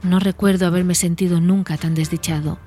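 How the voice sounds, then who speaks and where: A woman's voice: fairly low pitch, fairly even intonation, a little fast, warm tone, faint music behind, lightly acted. A woman voicing Pippin, a young male hobbit, fretful and frightened.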